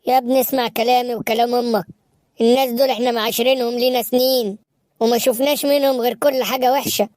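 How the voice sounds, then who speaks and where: A woman's voice: a little high, steady tone, fast talker, darkish tone, lightly acted. A woman voicing a stern middle-aged father in a cartoon, scolding with an Egyptian Arabic accent. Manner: scolding, lecturing.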